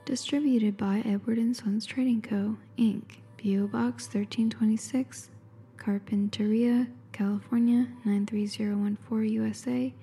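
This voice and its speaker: A woman in an intimate ASMR whisper, close as if right in the listener's ear, calmly describing and reading aloud without hurry. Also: a little high, a little slow, breathy edge, soft background music. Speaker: ASMR host.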